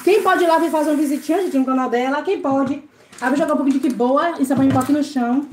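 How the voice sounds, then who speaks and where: A woman's voice: sits high, racing. A woman from Brazil hosting a casual live stream from home, chatting with viewers and greeting them by name while she cleans. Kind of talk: casual live-stream chat reading comments. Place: home service area. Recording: echoey room with faint noise.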